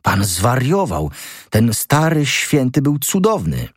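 A man doing a shrill, fussy magistrate. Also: huge pitch swings, slow, a bit bright, breathy edge, no echo, clean studio sound, heavily acted. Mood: outraged. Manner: shrill, indignant exclamations. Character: fussy, excitable older male magistrate. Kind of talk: audiobook character reading.

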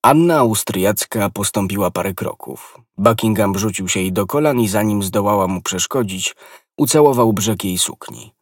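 A man narrating a classic novel in an audiobook, measured and descriptive. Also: on the low side, slightly rough, no echo, studio quality. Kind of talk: scripted literary narration.

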